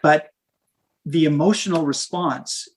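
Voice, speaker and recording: A minister who also plays saxophone talks in a casual interview with a fairly high-pitched voice. He speaks haltingly, frequently restarting as he hunts for words.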